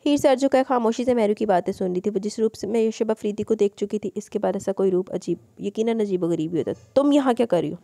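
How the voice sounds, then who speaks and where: Woman reading a romance novel aloud, gravelly, dark voice, dry close mic. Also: medium pitch, fast, hardly any pauses, dry recording. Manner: steady storytelling. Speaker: audiobook narrator. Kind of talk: scripted narration.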